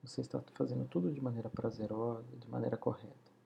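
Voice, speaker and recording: A man slowly guiding a hypnosis session, counting down in a soothing voice that often sinks to a whisper. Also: medium pitch, fairly even intonation, gravelly, mellow, muffled recording, a little hiss or hum. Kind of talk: guided hypnosis induction.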